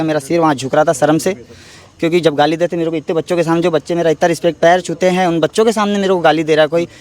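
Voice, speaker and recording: Fast-talking man defending himself outdoors. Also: a little high, a little mellow. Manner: defensive, emphatic, repeatedly says "sir". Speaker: interviewee, ITBP jawan and cricket coach. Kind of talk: street interview.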